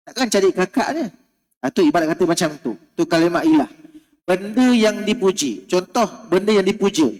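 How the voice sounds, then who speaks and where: A man with a Malaysian Malay accent giving a religious lecture, explaining step by step, repeating key words and checking in with his listeners. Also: high voice. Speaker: religious teacher. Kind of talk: mosque lecture. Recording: long hall reverb.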